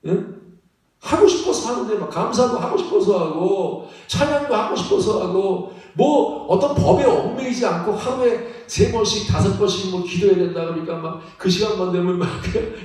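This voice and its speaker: A man preaching a sermon as pastor, animated and laughing often, often checking in with the congregation. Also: sits high, normal speed. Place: church sanctuary. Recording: echoey church hall from far off.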